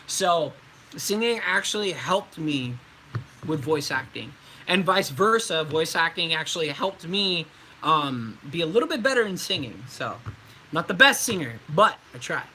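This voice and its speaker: A man hosting a casual livestream Q&A as a voice actor, with a very bright, sharp-edged tone. He rambles loosely, dropping ums and likes as he answers viewers, his voice sitting somewhat high for a man. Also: expressive, normal speed, slight background noise, low-quality recording.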